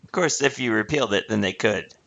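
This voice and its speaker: A man's voice: on the low side, fast, vocal fry, fairly bright tone, slight background noise. A man co-hosting a casual political chat, quizzing his partner and teasing him with frequent laughs. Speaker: podcast co-host running a quiz.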